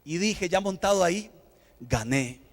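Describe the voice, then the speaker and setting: Pastor guy, high voice, animated sermon story, big church reverb. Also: moderate pace. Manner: animated, acts out dialogue. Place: church sanctuary.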